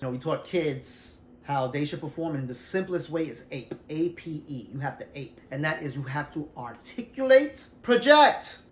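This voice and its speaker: A middle-aged man telling his singing story in a loose, animated, conversational way, teaching as he goes. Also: on the high side. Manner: animated, self-described shy introvert, loose and conversational. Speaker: vlogger sharing singing tips. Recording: roomy echo.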